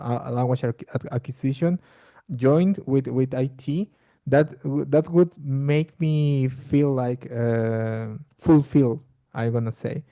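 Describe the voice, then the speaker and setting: Here a Spanish-speaking Bolivian man takes part in a language exchange, making casual conversation practice in a very dark voice of medium pitch. He's halting, circling back over words while he looks for them, and there's no echo.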